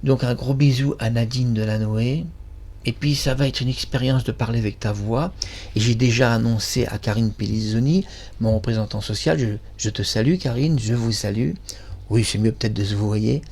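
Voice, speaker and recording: A man's voice: mid-range voice, moderate pace, a little mellow, breathy edge. A man hosting his own channel, talking in a casual monologue that is effusive, rambling and self-praising. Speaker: channel host.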